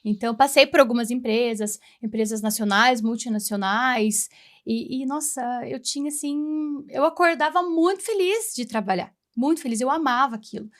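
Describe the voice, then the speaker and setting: A woman's voice: a little high, normal speed. A woman in her forties, a guest on a talk show, sharing a personal testimony in an earnest, reflective way and acting out remembered conversations. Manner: acts out remembered dialogue. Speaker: interview guest, women's mentor.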